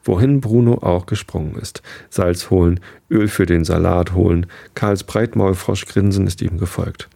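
Casual: deep creaky guy reading a kids' story aloud, first person. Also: steady tone, normal speed, hardly any pauses, dark tone. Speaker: narrator. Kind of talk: scripted narration of a children's story.

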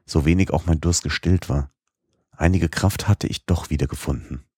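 A man narrating an audiobook in a measured, expressive storytelling manner. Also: very deep voice, slightly rough, no room sound, clean studio sound.

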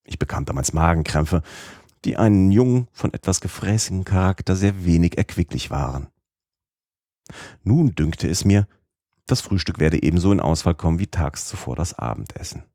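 A man narrates a novel in the first person with a very low, deep voice. His storytelling delivery is measured and even. The close studio recording is dry, with no room sound. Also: no echo. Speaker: audiobook narrator.

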